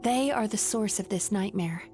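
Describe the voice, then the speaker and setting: A woman voicing a calm, resolute young nightmare eater in a video game, speaking in an earnest, explanatory way. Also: mid-range voice, moderate pace, close to an everyday voice. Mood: solemn, explaining. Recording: game music behind.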